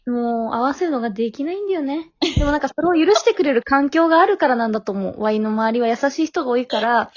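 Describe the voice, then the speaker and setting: Young female podcast co-host, high voice, slangy casual chat, close and slightly lo-fi. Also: expressive, quick pace, few pauses, dry recording. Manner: slangy, informal speech. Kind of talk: casual chat between friends. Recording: dull, lo-fi close recording.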